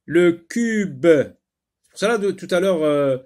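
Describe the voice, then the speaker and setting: Slow, patient male French teacher. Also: fairly high pitch, lively intonation, a little mellow. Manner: slow, patient, repeats words syllable by syllable with many fillers. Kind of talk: phonics lesson for young learners.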